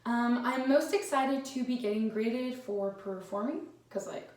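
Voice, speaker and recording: A woman's voice: a little high, unhurried, darkish tone. Woman, 18, from Iowa; casual, giggly, recorded far off in a very echoey room. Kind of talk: self-introduction.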